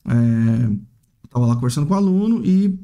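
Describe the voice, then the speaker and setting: Here a male English teacher rambles in a relaxed, talkative way, acting out students who hesitate and ending many phrases with the tag question "né?". He speaks at a moderate pace with medium pitch, a dark tone, and lively intonation.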